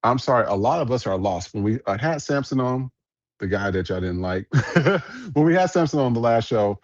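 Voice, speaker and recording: A man hosting a casual podcast, reacting bluntly and profanely to viral clips in a rambling way. His voice sits at a middle pitch and sounds close and dry. The recording is a little dull and lo-fi. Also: animated, normal speed, no room sound. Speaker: podcast host.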